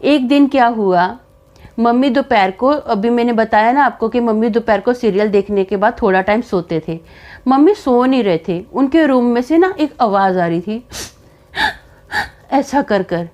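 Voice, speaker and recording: A woman's voice: fairly high pitch, normal speed, darkish tone, highs cut off. Chatty woman telling a story. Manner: chatty, conversational, with frequent fillers. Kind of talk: casual personal storytelling.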